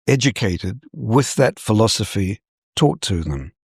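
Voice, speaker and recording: Older gravelly scholar from New Zealand. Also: male voice, fairly low pitch, expressive, dry recording, studio quality. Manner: measured, professorial. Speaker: scholar guest. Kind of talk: interview.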